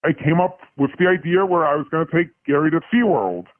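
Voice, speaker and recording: A male caller telling a story over the phone with a voice changer disguising his voice, speaking haltingly with restarts. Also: fairly high pitch, animated. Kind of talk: casual phone-in confession. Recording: tinny phone line.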